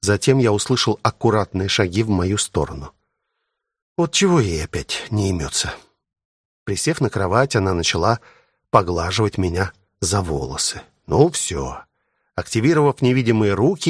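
A man narrating a first-person audiobook in a wry, expressive storytelling manner. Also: fairly low pitch, moderate pace, husky, no echo, studio quality.

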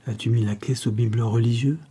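A man reading the part of a stout, bossy woman trader with a brisk way of talking. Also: mid-range voice, fairly even intonation, mellow, husky, natural voice. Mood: scheming.

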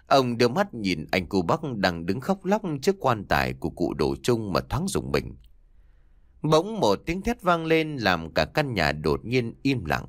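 A man's voice: lowish voice, no echo. A man reads a chilling folk story aloud, his voice rising and falling widely as the tension builds. The recording is dry and close, with no room around it. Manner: dramatic, expressive storytelling. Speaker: audiobook narrator. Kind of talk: scripted horror story narration.

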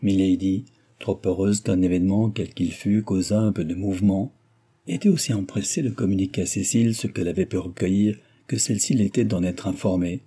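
A man reading a classic novel aloud as audiobook narrator in a measured, even way. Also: low-pitched, slightly rough. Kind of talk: scripted narration.

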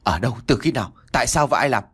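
A man voicing a distraught young husband who shouts in despair. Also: fairly high pitch, quick pace, voice pushed up, natural voice. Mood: desperate. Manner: shouting, desperate.

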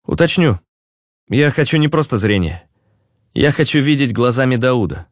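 A man's voice: mid-range voice, big pitch swings, moderate pace, no room sound, pitched above the performer's own voice, natural voice. A man voicing a blind young man who speaks in a curt, exasperated way, for an audiobook. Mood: irritable.

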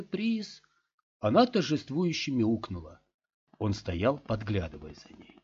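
Man, low voice, steady audiobook narration, muffled lo-fi recording. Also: a little hiss or hum. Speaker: audiobook reader.

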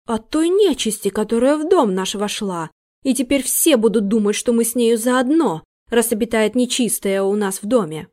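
A woman voicing a superstitious male butler, a former captain, hoarse and indignant in an audiobook. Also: lively intonation, moderate pace, a little mellow, lightly acted. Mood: fierce. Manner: indignant, raised pitch.

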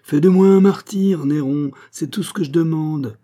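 A man voicing an irascible, pompous old priest schoolmaster who shouts in indignation. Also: a little high, moderate pace, slightly rough, pitched above the performer's own voice. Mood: furious. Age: older.

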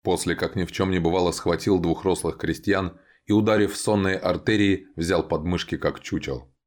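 A man narrating a fantasy audiobook in a steady, even storytelling voice. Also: deep voice, moderate pace.

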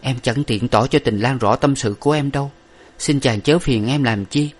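A man voicing a tearful, devoted young woman in an audiobook of an old novel, pleading and gentle. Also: medium pitch, normal speed, pitched above the performer's own voice, lightly acted. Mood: sorrowful pleading.

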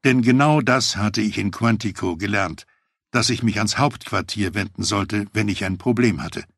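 Male audiobook narrator for a true-crime memoir; husky, lowish voice, dry close recording, measured delivery. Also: fairly bright tone, no room sound. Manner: measured, matter-of-fact first-person telling.

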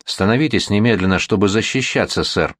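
A man voicing a furious jealous old gentleman. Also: fairly low pitch, a little fast, dry recording, clean studio sound, lightly acted. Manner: blustering and threatening. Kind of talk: audiobook character reading.

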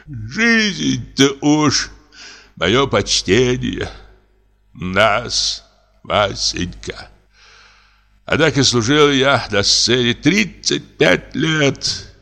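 A man voicing a drunk, frightened old comic actor in his late fifties, speaking in a slow, trembling, self-pitying lament. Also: mid-range voice, creaky, fairly bright tone, in a large hall, voice pushed up, full character voice. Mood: gloomy. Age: older. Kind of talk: audiobook character reading.

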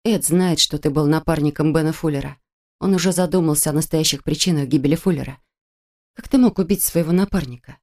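A reader voicing a quiet, frightened woman. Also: mid-range voice, brisk, close to an everyday voice. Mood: anxious.

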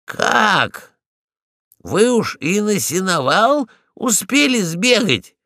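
A man's voice: sits high, expressive, drawn-out words, gravelly, bright, forceful tone, no room sound, studio quality, voice pushed up, full character voice. A man voicing a proud, indignant male dog in a storybook, stern and put out.

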